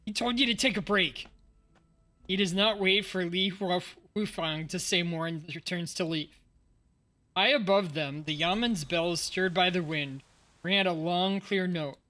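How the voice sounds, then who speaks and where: A man's voice: sits high, measured pace, bright, forceful tone. A male streamer reading a game's narration aloud and musing casually about it. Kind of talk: reading game text aloud and commenting. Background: game music.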